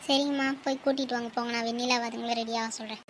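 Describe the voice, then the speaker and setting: Woman doing a busy bride's mom, calling out orders, high voice, cartoon. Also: level tone, very fast, slight background noise, natural voice. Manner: calls out, instructs. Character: busy middle-aged mother of the bride. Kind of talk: cartoon voice acting.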